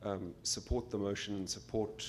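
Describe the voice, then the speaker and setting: Low-voiced hesitant doctor. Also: male voice, fairly even intonation, normal speed, a little hiss or hum. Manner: hesitant, with fillers and repeats. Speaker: physician delegate. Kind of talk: assembly floor speech.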